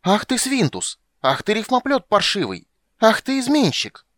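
A man's voice: sits high, huge pitch swings, normal speed, a bit bright, no room sound, voice pushed up, heavily acted. A man voicing a furious young woman who screeches insults from a balcony. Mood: shrieking.

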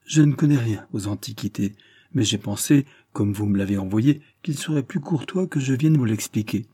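A man's voice: mid-range voice, lively intonation, moderate pace, mellow, breathy edge, dry recording, studio quality. A man voicing a proud, guarded young man who answers in a clipped, defensive way, in an audiobook reading. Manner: clipped and defensive, flaring into agitation. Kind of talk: audiobook character voice.

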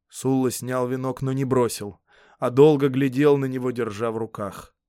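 A man narrating a historical novel in a measured, steady storytelling voice. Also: medium pitch, no echo. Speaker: audiobook narrator. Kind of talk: scripted narration.

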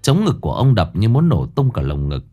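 Man narrating a ghost story, lively pitch. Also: brisk, faint music behind. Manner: dramatic, expressive storytelling.

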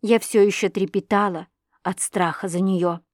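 A woman narrating a classic novel in a quiet, restrained reading voice. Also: medium pitch, steady tone, moderate pace, dry recording, studio quality. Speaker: audiobook narrator. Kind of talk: scripted literary narration.

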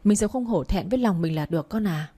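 A woman voicing a kindly middle-aged aunt who speaks in a gentle, reassuring way. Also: medium pitch, animated, quick pace, breathy edge. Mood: comforting.

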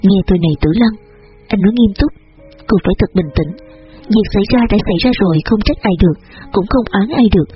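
Một chàng trai trẻ điềm tĩnh, cứng rắn, dỗ dành bằng giọng chắc nịch, do người đàn ông đọc truyện thể hiện; giọng khá cao. Âm thanh hơi đục, có tiếng guitar nhẹ nền. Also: male voice, sits high, fast talker, breathy edge, muffled recording. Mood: firm calming. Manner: steady, firm, reassuring. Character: calm, firm young man comforting a girl.

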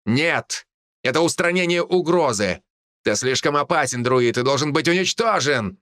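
Brief: cocky archer leader, defiant and shouty, voiced by a male narrator, animated delivery. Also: on the high side, unhurried, no room sound.

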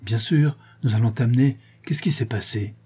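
A gruff country farmer in a storybook, roused at night and barking blunt orders. The male narrator plays him in his own husky, dark voice. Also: medium pitch, normal speed. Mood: commanding. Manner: blunt, commanding.

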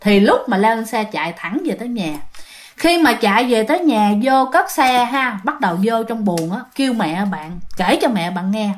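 Woman telling ghost stories, chatty, slightly high voice, phlegm in her throat. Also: expressive, moderate pace. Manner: chatty, addresses listeners directly. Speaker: ghost story narrator. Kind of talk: casual storytelling narration.

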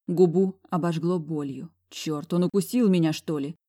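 A woman reading a first-person novel aloud, expressive with sharp retorts. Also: low-pitched, moderate pace. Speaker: audiobook narrator.

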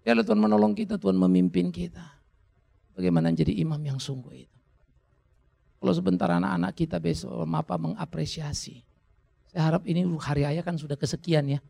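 Gravelly-voiced male pastor preaching. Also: on the high side, a little fast, warm tone. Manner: conversational preaching, jokes with the congregation. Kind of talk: sermon. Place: church.

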